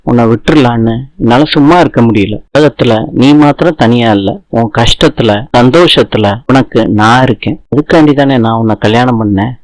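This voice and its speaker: A devoted young husband who comforts and teases his wife, voiced plainly by a man reading a serial recap. The voice sits at a middling pitch and sounds dry and close. It is read rather than acted. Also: normal speed, dry recording, close to an everyday voice, poor audio. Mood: consoling. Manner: reading the lines flatly in his own voice. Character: tender young husband, protective and teasing.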